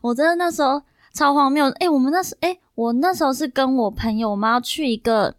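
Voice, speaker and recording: A young woman in her twenties with a Taiwanese Mandarin accent, a podcast guest telling a story in an animated, rambling way full of fillers. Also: high voice, fast, no room sound, studio quality. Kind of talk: casual chat, storytelling.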